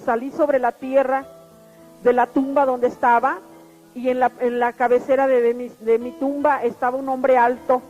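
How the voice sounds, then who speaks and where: Woman, high voice, halting testimony with restarts, muffled sound. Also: a little mellow. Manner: earnest and halting, with frequent restarts and repeated words. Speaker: witness giving a testimony. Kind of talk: spoken personal testimony. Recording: muffled recording with faint background music.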